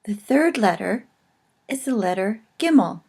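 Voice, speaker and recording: Slow, careful woman teaching a lesson. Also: medium pitch, expressive, a little mellow, husky. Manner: slow, careful explanation with pauses. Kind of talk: recorded video lesson.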